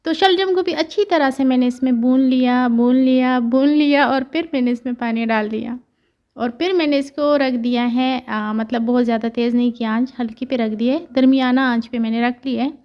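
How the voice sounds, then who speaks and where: A woman's voice: high voice, moderate pace, highs cut off. A woman in her thirties with a Pakistani Urdu accent, chatting casually through her household chores as a family vlogger, rambling with many fillers.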